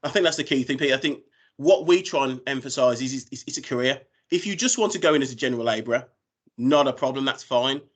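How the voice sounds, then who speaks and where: A man's voice: mid-range voice, quick pace. A British man giving an informal business presentation as a recruiter on a video call. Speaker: recruiter presenting job opportunities.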